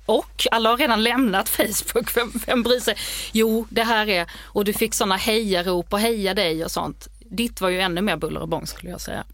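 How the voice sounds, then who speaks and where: A woman comedian with a mild Scanian accent, casually teasing in quick banter as a podcast co-host. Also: mid-range voice, fairly bright tone, no echo. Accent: Scanian Swedish, mild. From Skåne, Sweden.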